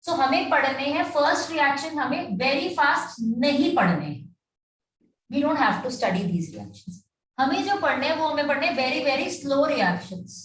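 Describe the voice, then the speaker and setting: A woman with a high voice teaches chemistry in a lecture style, switching between Hindi and English and often asking whether her students follow. She is recorded from some distance in an echoey room. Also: a bit bright. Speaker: chemistry tutor. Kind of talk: classroom lecture.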